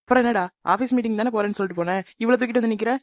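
A woman voicing a sharp-tongued, jealous young woman in a cartoon, scolding and sarcastic. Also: fairly high pitch, racing, no room sound, highs cut off, natural voice. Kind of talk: animated cartoon dub.

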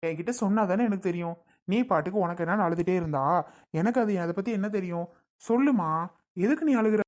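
A woman's voice: medium pitch, fast talker, a little mellow, lightly acted. A woman playing a patient relative who coaxes and apologizes, a bit exasperated, in a family skit. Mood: coaxing. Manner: coaxing, exasperated.

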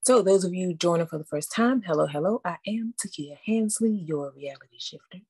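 A woman's voice: fairly low pitch, lively intonation, fairly quick, a little mellow, husky, no room sound. A woman coach hosting a live online masterclass, talking casually and upbeat and checking in with listeners with a frequent "okay?". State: out of breath after running upstairs.

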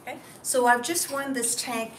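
A woman's voice: fairly high pitch, normal speed. Chatty woman stylist in a roomy store. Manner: chatty, keeps asking "okay?". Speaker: host, stylist. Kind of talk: casual styling demo. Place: clothing store. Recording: roomy, distant mic, noisy.

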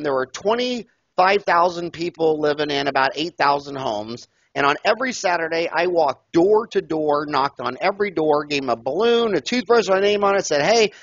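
An older man and dentist, talking loudly and emphatically, telling stories in an animated interview over a headset mic on a video call. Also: fairly high pitch, dry recording. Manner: loud, emphatic, storytelling. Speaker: dentist and podcast guest. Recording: dull, lo-fi call audio.

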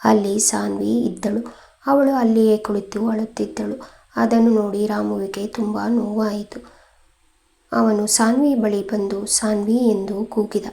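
A woman reading a family story aloud at a steady, even pace as storyteller. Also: medium pitch, a little slow, gravelly.

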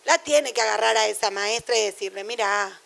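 A woman's voice: fairly high pitch, fairly quick, gravelly, a bit bright. A middle-aged woman with a Rioplatense Spanish accent giving a university lecture on education in a chatty, digressive way, full of anecdotes and asides.

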